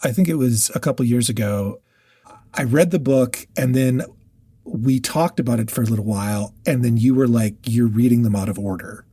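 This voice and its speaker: A podcast co-host chats casually about books and shares facts he's researched, often restarting and correcting himself partway through sentences. His mid-range voice is warm with a breathy edge, his pace normal, and the recording has no room sound.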